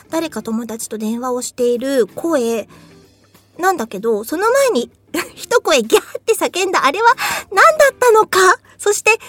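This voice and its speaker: High voiced japanese-style chatty woman, voice goes all over the place, soft music behind. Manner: chatty, laughs often, mimics screams. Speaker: voice actress hosting a talk show. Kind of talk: casual solo chat.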